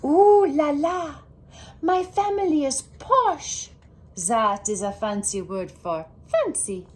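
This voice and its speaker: A woman voicing an excitable little girl who adores fancy things, with a dramatic, grandly precious delivery in a storybook. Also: high voice, slow pace, heavily acted. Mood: delighted.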